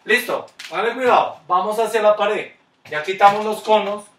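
A man's voice: high voice, moderate pace, a bit bright, echoey room, recorded from a distance, slight background noise. A man with a Colombian Spanish accent teaching a kids' skating class online, coaching with encouraging, repeated cues. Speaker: skating instructor.

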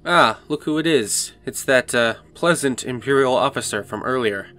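A man's voice: mid-range voice, normal speed, over music. A man narrating a game walkthrough in a casual, explanatory way. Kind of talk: casual gameplay commentary.

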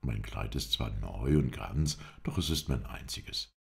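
A man voicing a calm, firm male traveller who questions people in a curt, businesslike way. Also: a bass voice, a little slow, creaky, full character voice.

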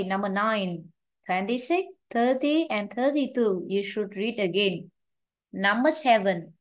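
A woman teaching English online with a Vietnamese accent, slowly drilling word stress and explaining it in Vietnamese. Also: mid-range voice. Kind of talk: online class, correcting pronunciation.

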